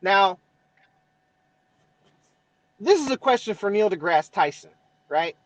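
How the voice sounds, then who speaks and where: A Southern California podcast co-host with an East LA Mexican-American accent speaks slowly but animatedly in a high-pitched voice. Swearing freely, he checks in with "right?" while explaining, in a recording with no room sound and clipped highs.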